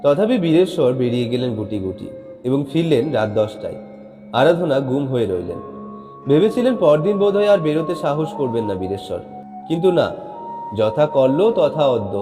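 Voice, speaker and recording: A man's voice: medium pitch, moderate pace. Man narrating a classic short story. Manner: steady literary reading. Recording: long reverb, faint background music.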